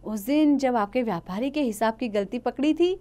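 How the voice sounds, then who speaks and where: A woman's voice: a little high, moderate pace, mellow, lightly acted. A woman voicing a caring, practical village mother, soothing but firm.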